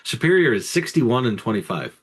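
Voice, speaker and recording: A man's voice: mid-range voice, sing-song, a little fast, breathy edge. A man giving casual sports talk, laying out statistics in a matter-of-fact way. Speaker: sports commentator.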